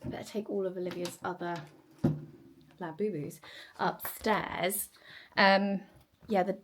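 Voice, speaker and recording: A woman in her thirties, chatting casually to camera while she tidies her home, upbeat, with quiet asides now and then. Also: medium pitch, fairly even intonation, slow, background noise. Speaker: vlogger. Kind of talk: casual chat while tidying. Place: home, moving between rooms. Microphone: handheld camera.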